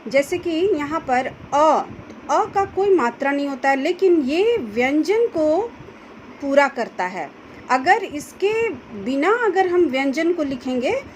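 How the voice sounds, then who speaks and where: A woman teacher explaining a grammar lesson to students slowly, carefully pronouncing each example sound. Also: sits high, big pitch swings, a little hiss or hum, rough recording. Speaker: school Hindi teacher.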